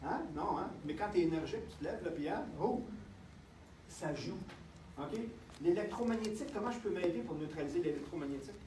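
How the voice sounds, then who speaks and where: High-voiced man with a Quebec accent. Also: a little hiss or hum. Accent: Quebec French. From Canada. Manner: lively, checks in with the audience constantly. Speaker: health speaker. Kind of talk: live seminar talk to an audience. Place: lecture room with audience. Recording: echoey room, distant mic, faint ambience.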